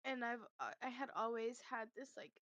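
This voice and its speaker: A woman's voice: a little high, a little fast, a bit bright, no room sound. Earnest woman guest, dry close sound. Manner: earnest, heartfelt storytelling. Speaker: podcast guest. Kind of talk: casual conversation.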